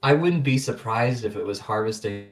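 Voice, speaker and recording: Male gamer, lowish voice, casual and self-correcting, warbling glitchy call audio. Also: moderate pace, recorded from a distance, faint music behind. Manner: thinking aloud, chuckling, self-correcting. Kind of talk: casual gaming chat. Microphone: voice-chat mic.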